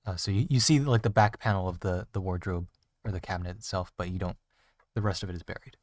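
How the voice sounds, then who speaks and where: Male game master, low voice, halting narration, dry sound. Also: no echo. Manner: hesitant, lots of fillers.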